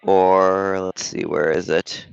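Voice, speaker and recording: His voice is low and gravelly yet smooth, delivered flatly and slowly in a dry, muffled recording. He's a man with a cold-congested voice, volunteering as both camera operator and casual play-by-play commentator at a school gym basketball game, talking and thinking out loud.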